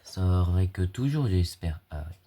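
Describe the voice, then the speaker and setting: A mellow, low-sitting, expressive male voice moves at a moderate pace. The young hobbyist electronics YouTuber, stuffy with a cold, casually explains a project in a screen-recorded tutorial, often hesitating and using slang and fillers.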